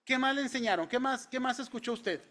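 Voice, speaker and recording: A man's voice: very high voice, brisk, bright, forceful tone. A man preaching a sermon in a church, talking conversationally and asking the congregation questions. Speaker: pastor.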